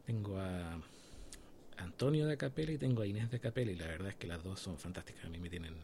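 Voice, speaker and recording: A man's voice: low-pitched, animated, fast talker, creaky, darkish tone, a little hiss or hum. A Chilean man co-hosting a podcast in casual chat, explaining things step by step and checking in with his listeners. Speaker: podcast co-host.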